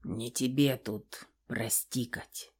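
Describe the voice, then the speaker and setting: A woman voicing a gruff, hot-tempered middle-aged father who grumbles and bursts into roaring shouts, in an audiobook. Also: sits low, animated, moderate pace. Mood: gloomy.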